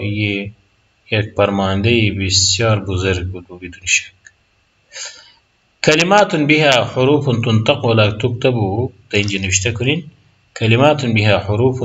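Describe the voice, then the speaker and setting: Afghan Dari lecturer, dull lo-fi sound. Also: male voice, lowish voice, a bit bright. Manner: explains patiently, reads examples slowly, then translates. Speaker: university Arabic lecturer. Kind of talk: recorded lecture.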